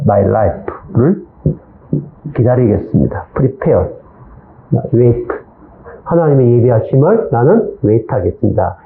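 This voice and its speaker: A middle-aged male pastor tells a Bible story to a class, his pitch rising and falling freely as he repeats key words and acts out short lines. The recording is echoey and thin, with a narrow, phone-like sound. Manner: storytelling, mixes simple English words into his speech, acts out short quotes. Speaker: pastor teaching a Bible overview. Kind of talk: informal Bible lecture.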